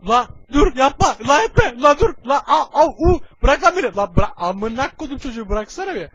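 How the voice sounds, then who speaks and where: A man's voice: sits high, animated, normal speed, highs cut off, a crowd in the background. A man dubbing a flustered, swearing male cartoon villain in a comedic fan dub. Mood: pleading.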